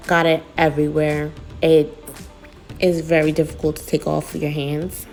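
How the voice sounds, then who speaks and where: A woman in her thirties chats her way through a wig review in a casual, self-deprecating tone. Her voice sits low with a gravelly fry, and soft music plays faintly behind her. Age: 30s. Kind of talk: casual product review vlog.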